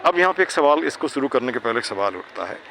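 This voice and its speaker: A man's voice: mid-range voice, sing-song, fast, vocal fry, bright, forceful tone, a little hiss or hum. A man teaching English grammar to children in Hindi, patiently checking that they understand. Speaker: English tutor. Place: outdoors near traffic.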